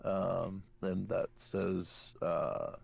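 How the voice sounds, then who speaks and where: A man narrating a tabletop game as game master, halting often with fillers, on a dull lo-fi recording. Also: low voice, animated, vocal fry, husky.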